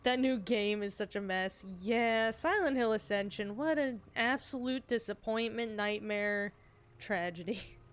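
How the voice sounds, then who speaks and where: A woman's voice: fairly high pitch, a little slow. A woman giving casual, chatty commentary while streaming a game, with a playful way of talking.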